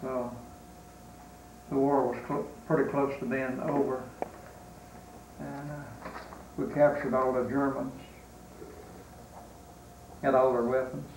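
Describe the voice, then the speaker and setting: An elderly man with a Southern US accent remembers his time as a soldier in a halting, unscripted way. He speaks slowly and evenly, with long pauses. The recording is roomy and distant from the mic. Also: medium pitch, flat delivery, a little mellow, a little hiss or hum. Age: 80s or older. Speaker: war veteran being interviewed. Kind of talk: unscripted reminiscence in an interview.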